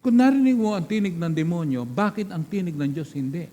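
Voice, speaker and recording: A man's voice: high-pitched, animated, a little fast, mellow. A man preaching a sermon as pastor, throwing questions and calls of praise to the congregation. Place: church hall. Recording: long church reverb.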